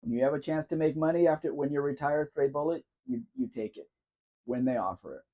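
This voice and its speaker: In a loose, chatty live question-and-answer stream, a male host drifts between topics and addresses viewers by name. His voice is a little high and brisk, and the sound is narrow and tinny.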